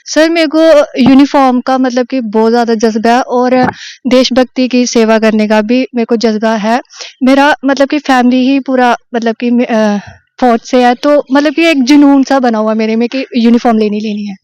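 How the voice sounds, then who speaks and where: A woman's voice: a little high, fairly even intonation, normal speed, darkish tone, smooth, dry recording. A young woman training for recruitment, giving earnest, plain-spoken answers in an outdoor interview. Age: young adult. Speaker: recruitment aspirant.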